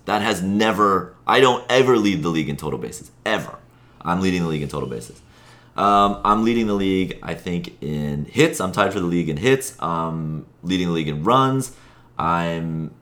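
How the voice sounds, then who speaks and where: A man with a very low voice chats loosely about his league. He rambles and restarts his sentences, then speeds up when something excites him. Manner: rambling, self-correcting, with sudden bursts of excitement. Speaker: podcast host, league player. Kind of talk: casual chat.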